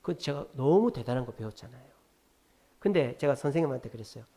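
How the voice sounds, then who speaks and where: Lively-voiced male pastor preaching. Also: mid-range voice, fast talker. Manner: storytelling, acts out quoted dialogue in a softer voice; addresses the congregation directly with questions. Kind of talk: Friday prayer meeting sermon.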